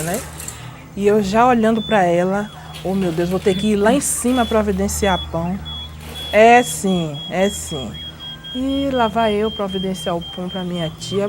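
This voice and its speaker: A woman's voice: medium pitch, a little hiss or hum. A woman telling a story in an interview, acting out the voices of the people in it.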